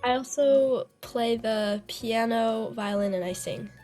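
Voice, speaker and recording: A woman's voice: on the high side, slow, darkish tone, soft background music. A teenage girl from the United States, answering interview questions earnestly, some answers sounding prepared. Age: teens. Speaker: young composer guest.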